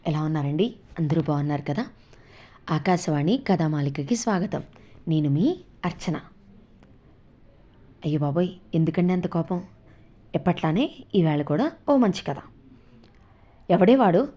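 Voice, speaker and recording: A woman storyteller narrating a story in a calm, friendly way. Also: low voice, normal speed, long pauses, muffled recording.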